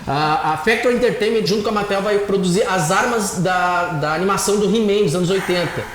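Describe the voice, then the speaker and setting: A man with a slightly raised pitch shares news on a casual panel. He talks in a relaxed, easy way. The room sounds echoey. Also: brisk, noisy background. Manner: relaxed newsy delivery.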